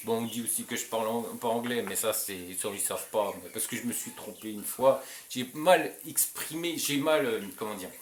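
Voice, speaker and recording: A man from France addressing his viewers in a blunt, emphatic way, stumbling and restarting often and chuckling between points. His voice sits at an ordinary pitch. The sound is roomy with echo and carries a faint background hiss. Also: a bit bright. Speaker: channel host. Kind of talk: casual direct-to-camera talk.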